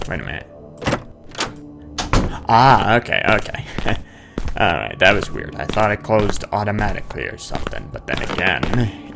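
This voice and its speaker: Game music plays as a low-pitched let's player with vocal fry works through a horror game, chatty and playful. He sings nonsense sounds to himself, mutters, and reads the on-screen notes out loud.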